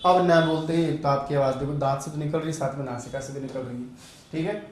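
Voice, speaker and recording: A man teaches Sanskrit grammar online at a fast pace, his voice on the high side with fairly even intonation, drilling sounds aloud and answering his own questions. The recording has a little hiss or hum, a very echoey room, and the voice is a bit far from the mic.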